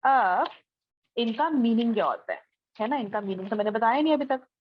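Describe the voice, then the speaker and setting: A woman's voice: fairly high pitch, expressive, brisk, slight background noise. Woman teaching chemistry, lo-fi audio. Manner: explains step by step, checks understanding with frequent tag questions. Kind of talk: online classroom lecture.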